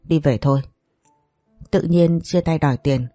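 A woman voicing a sharp-tongued young woman friend who grumbles in exasperation. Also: low voice, unhurried, no echo, soft background music. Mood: exasperated.

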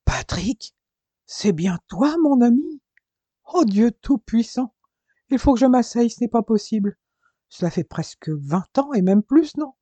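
A narrator voicing a boisterous giant red-haired male innkeeper who bursts into loud, high exclamations, in a dull lo-fi recording. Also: moderate pace, no room sound, close to an everyday voice. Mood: overjoyed.

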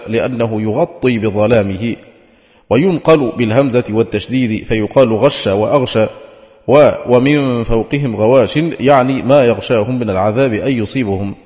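A man, a sheikh, reading a classical Arabic glossary aloud as an audiobook, taking each numbered entry in a measured, deliberate way. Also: mid-range voice, a little mellow. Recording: long reverb, hall-like.

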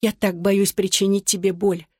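A reader voicing a tearful pleading young wife. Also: female voice, mid-range voice, little pitch movement, normal speed, husky, no room sound, clean studio sound, pitched above the performer's own voice, close to an everyday voice. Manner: soft, whispered pleading. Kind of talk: audiobook dialogue.

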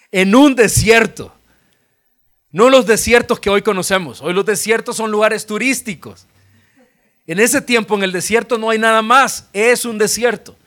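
A male pastor with a Salvadoran accent preaches a sermon and retells Bible stories with lively humor. His voice sits clearly high for a man, and his delivery is animated. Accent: Salvadoran Spanish.

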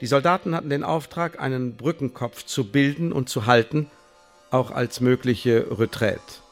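Playing a calculating intelligence officer in a radio drama, a man speaks in a formal, officious, measured way laced with quiet menace. His mid-range voice is close to an everyday one, the mood clinical and formal, with soft music in the background.

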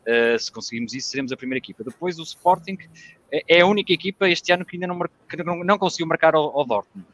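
Fast-talking European Portuguese football analyst. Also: male voice, on the high side, expressive, a bit bright. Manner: analytical, lays out points in order. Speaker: football commentator guest. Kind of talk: casual football analysis chat.

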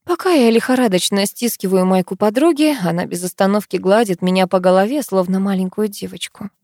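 A woman's voice: medium pitch, a little fast, darkish tone, no room sound, clean studio sound. A woman reading a first-person story aloud as an audiobook narrator, with a tense, tearful, pleading delivery.

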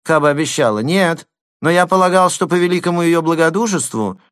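High whiny lisping young man, greedy, pleading, near sobbing, voiced by a man, storybook reading, dry close sound. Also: animated, fairly quick, fairly bright tone, no room sound. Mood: wheedling. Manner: wailing, near tears.

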